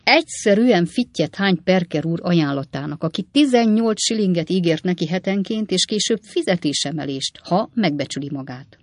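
A reader voicing a cynical, flippant young male law clerk who talks in a mocking, offhand way with swooping pitch, read in a dry studio. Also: animated, few pauses, dry recording, lightly acted.

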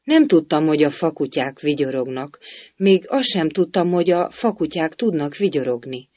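A timid, polite young girl speaks carefully and eagerly , as a man voices her. The voice is raised in pitch and recorded dry and close. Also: expressive, a little mellow, dry recording. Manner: polite, a little shy, eager.

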